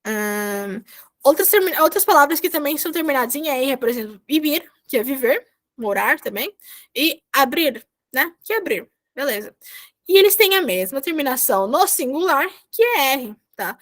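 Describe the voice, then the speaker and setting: High-voiced woman teaching Spanish verbs. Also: very animated, moderate pace, a bit bright. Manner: patient, repetitive step-by-step explaining. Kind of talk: online class explanation. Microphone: video call.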